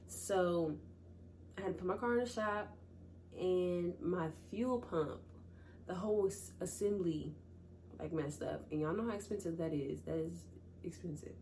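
Still getting over a cold, a young podcast host chats solo with her listeners, casually addressing them as "y'all" and "baby." She speaks unhurriedly in a fairly low, dark voice, with a little hiss or hum on the recording.

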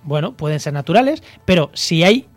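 A man from La Mancha speaks on a radio program with a slightly raised pitch, reasoning aloud about climate studies. He pauses often, fills gaps and restarts his sentences, and the studio sound is dry and close. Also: sing-song, no echo. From Castilla-La Mancha, Spain. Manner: thoughtful, hesitant with fillers and restarts. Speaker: ecology expert guest. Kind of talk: radio interview, explaining.

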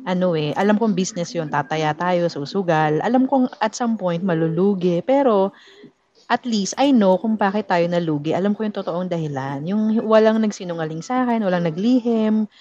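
A woman's voice: on the low side, normal speed, dark tone. A woman hosting a casual talk show, chatting freely and mixing Tagalog with English. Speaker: podcast host. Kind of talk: casual chat. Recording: muffled lo-fi sound.

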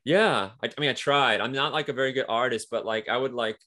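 A man's voice: medium pitch, fast talker, pushed and bright. Rambling man with lots of fillers. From Mexico–US border region. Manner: rambling, many fillers like "you know" and "like". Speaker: guest, comic writer. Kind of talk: casual interview talk.

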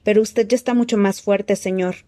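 A woman voicing a nervous, fawning male servant who stammers and rises to a squeaky, panicked pitch. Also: steady tone, brisk, dark tone, dry recording, close to an everyday voice. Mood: panicky.

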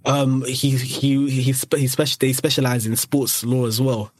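Young guy rambling thru a story, lots of restarts, mid pitch, dry close sound. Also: steady tone, a little slow, a little mellow, no echo. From Eritrea and Sudan. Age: young adult. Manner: rambling anecdotes with many restarts. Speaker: podcast guest. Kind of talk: casual chat, storytelling.

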